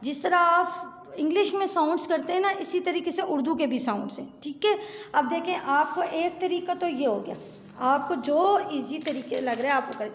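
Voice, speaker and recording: A woman's voice: sits high, moderate pace. A woman, a kindergarten Urdu teacher who patiently spells out letter sounds in a recorded lesson for pupils and parents. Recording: echoey room with long reverb.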